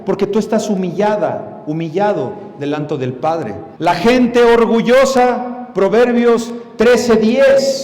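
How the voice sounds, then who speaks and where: A man's voice: high voice, a little mellow. A man preaching a sermon, emphatic and speaking straight to his listeners with rhetorical questions. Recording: echoey hall.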